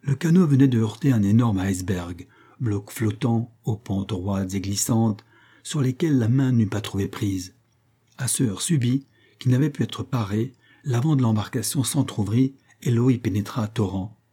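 A man giving a measured, dramatic scripted narration of an adventure audiobook. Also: on the low side, dark tone, husky.

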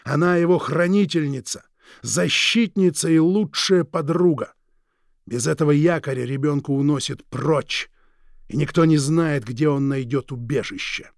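A man's voice: a little high, gravelly, dry recording, studio quality. A man voicing a sinister, mocking male villain in an audiobook, stretching his words with sneering politeness. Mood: menacing. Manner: slow, drawn-out, sneering politeness. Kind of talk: audiobook reading.

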